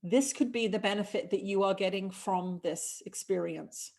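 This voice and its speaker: This is a mid-range, creaky voice belonging to a middle-aged woman. She channels spirit on her own show, talking with callers and giving calm, measured advice in the voice of a collective "we."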